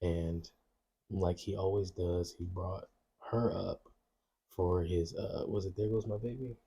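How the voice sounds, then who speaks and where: Deep, dark, husky-voiced man. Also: fairly even intonation, unhurried. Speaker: podcast co-host. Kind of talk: casual chat. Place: home, at night. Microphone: podcast mics.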